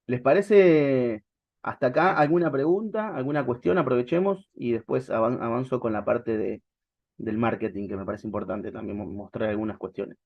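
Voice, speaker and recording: A man's voice: medium pitch, normal speed, vocal fry, no room sound, lo-fi sound. Flu-ridden Argentine man teaching a class. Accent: Argentine Spanish. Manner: hesitant, repeats words as he talks. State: has the flu. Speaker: course instructor. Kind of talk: online law class.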